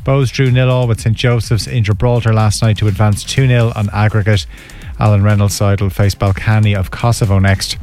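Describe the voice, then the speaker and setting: A man's voice: fairly low pitch, darkish tone. An Irish man reading a scripted sports bulletin as a radio newsreader.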